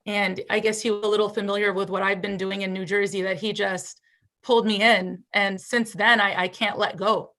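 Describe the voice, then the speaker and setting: Woman panelist, mid-pitched, earnest and filler-heavy; refugee aid volunteer. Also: flat delivery, normal speed, fairly bright tone, low-quality recording. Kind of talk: panel talk.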